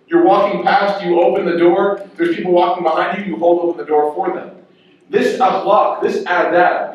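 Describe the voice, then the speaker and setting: Young imam preaching in an echoey hall. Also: male voice, high voice, dull audio. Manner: storytelling, acts out quoted voices, asks rhetorical "right?". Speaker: imam giving a Friday sermon. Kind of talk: sermon with storytelling. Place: mosque prayer hall. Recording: very echoey hall, mic at a distance.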